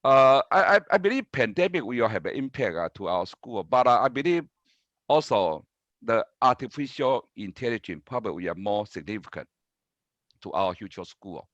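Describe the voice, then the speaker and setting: A man with a Taiwanese accent giving panel remarks as a professor, speaking haltingly and repeating words. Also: medium pitch, lively intonation, a bit bright, no room sound. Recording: dull, dry video-call audio.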